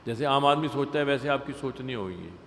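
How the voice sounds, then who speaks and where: A man's voice: medium pitch, expressive, a little fast, fairly bright tone, a little hiss or hum. Man giving a devotional class in an echoey hall. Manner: explains with everyday examples, stresses points by repeating. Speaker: temple class speaker. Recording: echoey hall with faint ambience.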